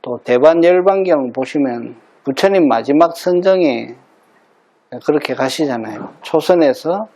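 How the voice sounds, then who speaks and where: A man's voice: fairly high pitch, expressive, unhurried, darkish tone. A middle-aged man teaching meditation in a Buddhist dharma talk, explaining patiently and repeating key terms for emphasis.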